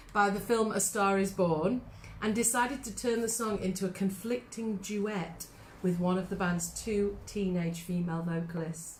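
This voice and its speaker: A woman in her fifties from England chats between songs and reads out trivia with eager delight. Her voice sits at an ordinary middle pitch. The sound is roomy, with a faint hiss behind it. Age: 50s. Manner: chatty, eagerly reading out trivia. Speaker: singing teacher co-host. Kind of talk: casual chat between songs.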